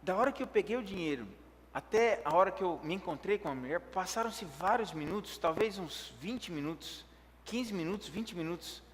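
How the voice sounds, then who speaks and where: A preacher telling a personal story in a sermon. He acts out his own words, picking up in the action and dropping low in prayer. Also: moderate pace, a little hiss or hum. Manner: lively when telling the action, hushed in prayer. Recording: echoey hall reverb.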